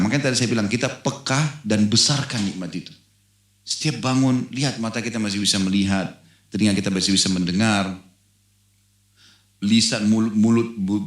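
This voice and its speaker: A middle-aged man preaching an Islamic sermon, animated and asking the audience questions. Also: on the low side. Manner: animated storytelling, acts out a dialogue in the anecdote. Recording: echoey room.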